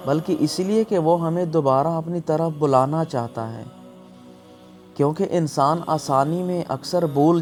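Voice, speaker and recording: Earnest and pleading, a preacher reads an emotional scripted sermon as music plays underneath. His voice leans high and has a darkish tone.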